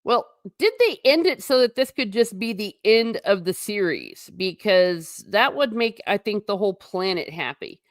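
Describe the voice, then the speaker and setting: On a laid-back livestream, an American woman reads viewers' chat messages and responds in a chatty, wry, meandering manner, restarting sentences often. Her medium-pitched voice is sing-song, moving at a moderate pace with hardly any pauses. The audio is studio quality with no echo.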